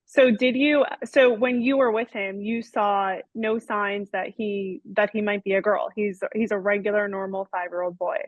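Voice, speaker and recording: A woman's voice: medium pitch, fairly even intonation, normal speed, hardly any pauses, no echo. A woman interviewing a guest, asking pointed questions with an emphatic, incredulous manner. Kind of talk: conversational interview. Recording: dry, dull lo-fi audio.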